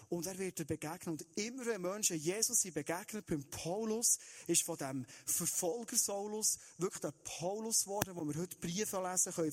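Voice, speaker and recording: A man with a high, slightly mellow voice preaches an Easter sermon. He's earnest and speaks straight to his listeners, shifting his pace as he goes.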